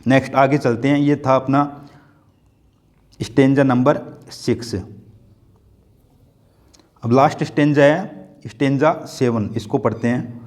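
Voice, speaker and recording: A man's voice: medium pitch, fairly even intonation, slow pace, pauses often, darkish tone. A man with an Indian accent teaching a classroom lesson on a poem, patiently repeating himself and checking that students follow. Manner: patient, repetitive, keeps checking students understand. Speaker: school teacher.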